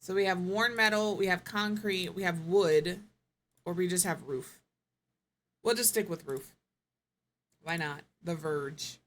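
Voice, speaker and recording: A woman with a fairly low voice streams live gameplay commentary, thinking aloud as she clicks through options. She muses, trails off and corrects herself in a casual, chatty way. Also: measured pace, long pauses.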